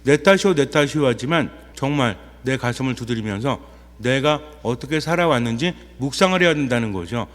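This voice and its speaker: Priest with a ringing hall echo. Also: male voice, a little fast. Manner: asks rhetorical questions and answers them himself; acts out quoted inner voices in a softer, lower tone. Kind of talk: sermon.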